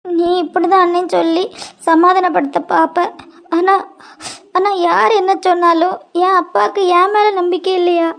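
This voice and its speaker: A woman with a Kanyakumari Tamil accent voicing a hurt, tearful young woman in a cartoon, talking haltingly and repeating words. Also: extremely high pitch, level tone, vocal fry, a bit bright, exaggerated voice. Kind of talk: cartoon voice acting.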